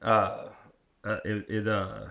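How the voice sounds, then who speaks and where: A lower-pitched man with a rural drawl hosts a history chat. He is folksy and quick to poke fun at himself, talking casually as he asks questions. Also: flat delivery, a bit bright. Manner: folksy, self-deprecating. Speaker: interviewer and host. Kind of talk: casual local history interview.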